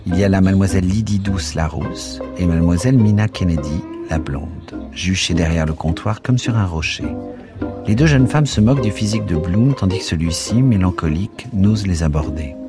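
A man with a deep, low voice reads literary prose aloud, expressive and rhythmic. He lingers over words and images. Faint music plays softly behind him. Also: normal speed. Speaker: narrator. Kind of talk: literary reading. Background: soft music.

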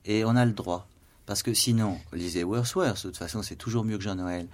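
Low-voiced guy, writer on the radio, lots of euh and restarts, trails off quiet. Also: a little fast. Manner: hesitant, many fillers and stammered restarts; trails off to soft, near-whispered asides. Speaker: writer and translator being interviewed. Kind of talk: radio interview, musing and literary. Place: radio studio.

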